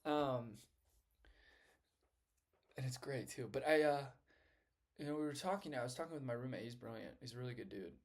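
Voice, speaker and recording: Rambling earnest young man, mid-pitch. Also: moderate pace, pauses often. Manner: rambling, earnest, swears casually, says "right?" often. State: just back from the gym. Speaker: vlogger. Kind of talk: casual self-help monologue.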